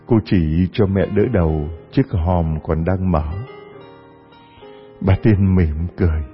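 Slow guy reading a fairy tale, music underneath, big echo. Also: sits low. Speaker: storyteller. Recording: dull audio with long reverb.

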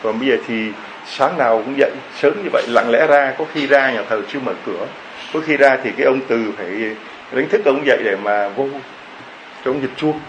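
A man's voice: mid-range voice, brisk, fairly bright tone, slight background noise, poor audio. A man preaching a homily, telling a story and firing off rhetorical questions to the congregation.

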